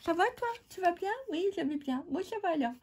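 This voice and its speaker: A woman putting on a squeaky little cartoonish voice that chats back and forth with itself. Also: a little fast, a little mellow. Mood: silly chatter.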